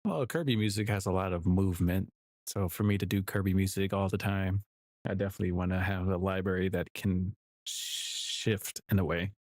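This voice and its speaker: A man's voice: low voice, fairly even intonation, normal speed, a little mellow, dry recording. A man casually talking to himself while building music samples, rambling and correcting himself with small chuckles. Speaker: music producer streaming his work. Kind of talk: casual commentary while working.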